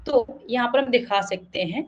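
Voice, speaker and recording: A woman with an Indian accent teaches an online math class, reading English lines slowly and explaining them in Hindi. She uses many fillers and keeps checking with "okay." Her voice is a little high, and the audio sounds dull.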